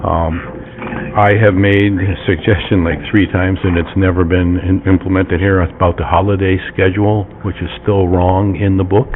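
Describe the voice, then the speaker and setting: A man's voice: low voice, little pitch movement, normal speed. A man talking informally in a meeting discussion as a board member. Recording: muffled phone-like audio, faint noise.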